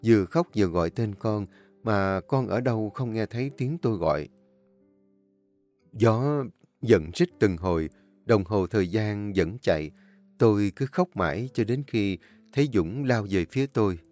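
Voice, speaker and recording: A man narrating a first-person audio story with a measured, emotional reading. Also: fairly low pitch, animated. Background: soft instrumental music.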